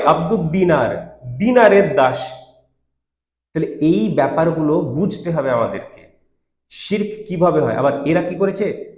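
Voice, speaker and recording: A man delivers a Quran commentary lecture in a fairly high voice. He argues forcefully and keeps asking rhetorical questions. The recording carries a roomy echo. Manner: emphatic, argumentative, with rhetorical questions. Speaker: Islamic teacher.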